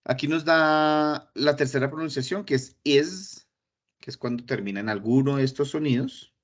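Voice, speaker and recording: Man, English teacher, online class, computer mic, lively and repetitive. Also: mid-range voice, normal speed. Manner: lively explanations, repeats words for emphasis. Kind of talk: online class explaining grammar. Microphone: computer mic in an online session.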